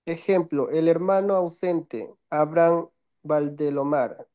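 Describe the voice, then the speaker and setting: Young male student, slow and mellow-toned, reads notes haltingly over his phone. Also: fairly high pitch, highs cut off. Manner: halting, stumbling, self-correcting. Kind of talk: reading notes aloud in class.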